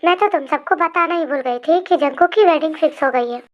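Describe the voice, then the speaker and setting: A woman's voice: sits high, brisk, dull audio, soft background music, natural voice. A woman voicing an overworked sister-in-law who complains and scolds the family, in a fan storybook reading. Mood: scolding. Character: nagging sister-in-law, busy homemaker.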